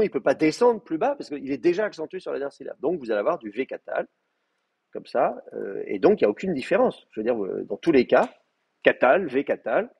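A male lecturer talking through a live classroom lesson in a slightly husky voice. His pitch moves a lot as he explains, and the sound is dry and close. He often hesitates and restarts his sentences. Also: darkish tone, no room sound. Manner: hesitant, stop-start explaining with many restarts. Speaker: university Hebrew lecturer. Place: classroom with in-person and remote students.

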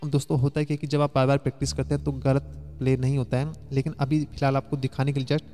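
A man's voice: medium pitch, flat delivery, fast talker, mellow. Man teaching keyboard in a reverberant hall. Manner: chatty, explains step by step, hums song lines while playing. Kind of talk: casual spoken music lesson. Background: faint keyboard music.

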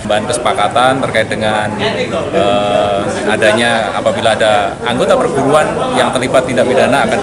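A man in his forties, a police official, speaking in formal official phrasing at a press interview. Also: fairly low pitch. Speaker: deputy police chief, interviewee. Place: open-sided event hall, press doorstop. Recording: loud crowd chatter behind interview.

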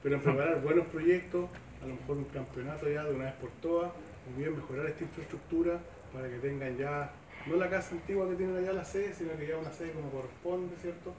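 A man's voice: fairly high pitch, fairly even intonation, brisk, darkish tone. Chilean man speechmaking in an echoey shed. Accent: Chilean Spanish. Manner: chatty, folksy, seeking agreement with tag questions. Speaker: government official giving a speech. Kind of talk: informal public speech. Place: open-sided covered sports shed, semi-outdoors. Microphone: far camera, no microphone. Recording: echoey shed heard from a distance, background noise.

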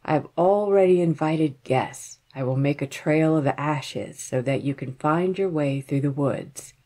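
A woman voicing a rich, sinister bridegroom in a fairy tale, speaking flatly and insistently. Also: sits low, measured pace.

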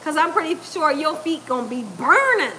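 Lady on a kitchen livestream, really high bright voice, laughs a lot, lapel mic. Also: normal speed, a little hiss or hum. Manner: laughs often, animated and chatty, drawls words out. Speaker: cooking channel host reading live chat. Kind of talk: casual livestream chat. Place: home kitchen, indoors.

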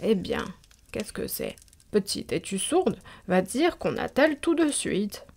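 A woman's voice: medium pitch, sing-song, vocal fry, darkish tone, heavily acted. A woman playing an imperious old countess. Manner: imperious, drawn-out commands.

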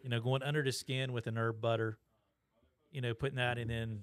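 A man's voice: mid-range voice, flat delivery, brisk. A man co-hosting a casual podcast in a shop, talking in a folksy, rambling way full of fillers. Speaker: podcast co-host. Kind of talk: casual chat. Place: fly shop, indoors. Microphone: boom mic with headphones.

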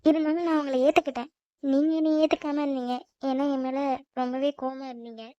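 A woman's voice: little pitch movement, mellow, dry recording, dull audio, lightly acted. A woman voicing an anxious young newlywed wife who frets and pleads in a cartoon. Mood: earnest. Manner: high, quick, fretful self-talk.

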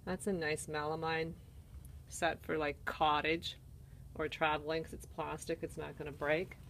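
A woman's voice: sits low, little pitch movement, unhurried, creaky, a bit bright, a little hiss or hum. A woman with a Canadian accent casually walks through an antique mall, listing items and prices while filming on her phone. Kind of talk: casual walk-through narration. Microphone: handheld phone camera.

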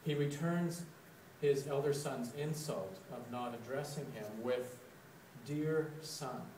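A man giving a sermon reflection, telling a story slowly and deliberately. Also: medium pitch, a little mellow, a little hiss or hum. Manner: slow, deliberate storytelling, with dramatic quoted outbursts. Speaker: preacher. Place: church sanctuary. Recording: echoey church, recorded from a distance.

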